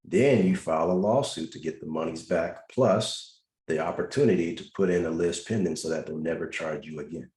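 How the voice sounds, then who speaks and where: A man with a very low, deep voice hosts a live video-call class and fields questions from callers. He speaks in an instructive way and drives his points home through repetition. The sound is roomy, with a noticeable echo around him. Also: a little fast, hardly any pauses, darkish tone. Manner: instructive, repeats advice with emphasis. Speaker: host answering caller questions.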